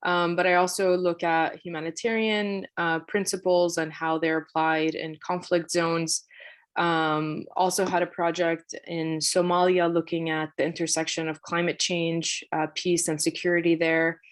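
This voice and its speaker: A woman from Syria speaking as a panelist on a video call, measured with frequent fillers. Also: on the low side, little pitch movement. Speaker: panelist, legal fellow. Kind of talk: panel discussion.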